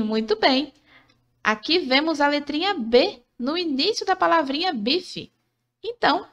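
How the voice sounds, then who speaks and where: A woman narrating a scripted literacy lesson for children, patient and encouraging, sounding out syllables one by one. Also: sits high. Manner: slow, patient, syllable-by-syllable teaching; encouraging, asks questions then answers them.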